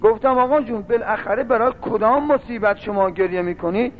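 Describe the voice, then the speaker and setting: A man preaching a sermon, telling a long religious story and building into mournful chanting. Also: high-pitched. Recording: tinny phone-like sound with faint noise.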